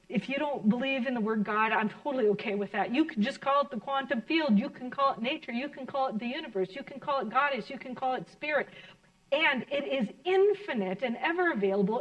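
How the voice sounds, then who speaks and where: A woman's voice: high voice, muffled recording. Earnest woman minister giving a sermon. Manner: earnest, reflective, gently encouraging.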